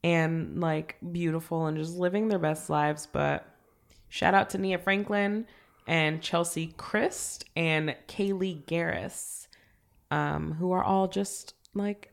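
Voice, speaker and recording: A woman co-hosting a casual podcast, sick, with a deep raspy voice, chatty and trailing off into fillers. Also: slow pace. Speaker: podcast co-host.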